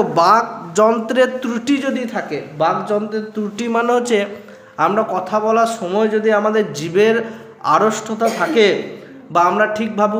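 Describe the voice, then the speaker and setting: Man, teacher, West Bengal Bengali accent, high voice, echoey room, faint music behind. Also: a bit bright. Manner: explains with everyday examples and questions. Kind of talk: grammar lesson to students.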